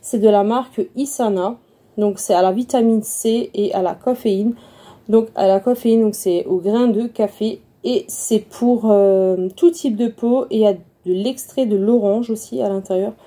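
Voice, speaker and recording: A woman vlogger chatting casually through a beauty haul, repeating words and filling pauses. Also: mid-range voice, dark tone. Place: room at home.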